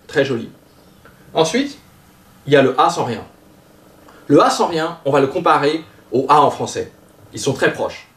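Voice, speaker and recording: A man teaching a language lesson, explaining vowel sounds and drawing out example words slowly. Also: mid-range voice, distant mic. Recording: roomy sound, voice a bit off-mic.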